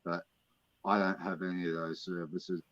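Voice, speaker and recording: A man joining a live stream over a bad call connection that breaks up and sounds quiet, talking in a hesitant, halting way with fillers. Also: low-pitched, flat delivery, dry recording. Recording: dull, lo-fi remote call audio.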